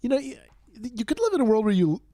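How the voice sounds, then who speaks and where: A man's voice: very high voice, sing-song, fast talker, warm tone, dry recording, clean studio sound. A man hosting a casual sports watch-along stream, swearing and laughing often into a headset mic. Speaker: livestream host.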